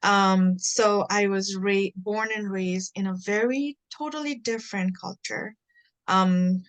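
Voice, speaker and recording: A woman's voice: medium pitch, takes it slowly, rough recording. Woman, candid patient voice on a panel, plain-spoken. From Nepal. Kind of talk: personal account on a panel.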